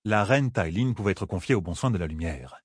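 A man reading a fantasy audiobook in a lively, expressive narration style. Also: low voice, brisk, slightly rough, dry recording, clean studio sound.

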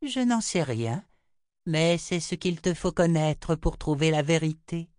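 A man reading an audiobook, voicing a cryptic, aloof woman seer in a raised, slow voice with dry, close sound. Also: expressive, a little mellow, dry recording. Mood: evasive. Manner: raised pitch, slow measured delivery. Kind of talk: audiobook character voice.

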